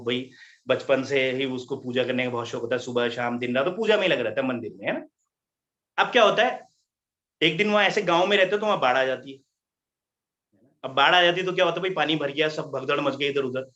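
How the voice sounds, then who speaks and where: Man, meeting presenter, lively storyteller, bright slightly high voice, dull lo-fi audio. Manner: animated, chatty, tags lines with "right?" and "isn't it?"; laughs at his own story.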